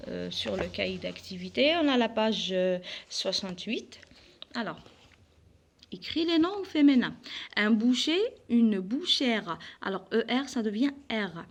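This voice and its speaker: A woman's voice: medium pitch, lively intonation, measured pace, slight background noise. A woman teaching a French grammar lesson to young pupils, carefully spelling out letters and repeating the rules with frequent fillers. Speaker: primary school teacher.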